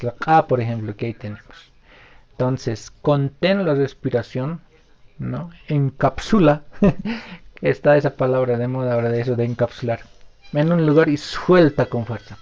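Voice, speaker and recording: A man's voice: mid-range voice, darkish tone. Man teaching on a dull lo-fi stream. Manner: explains patiently, drawn-out example words, many filler pauses. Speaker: language teacher. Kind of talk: live online Q&A lesson.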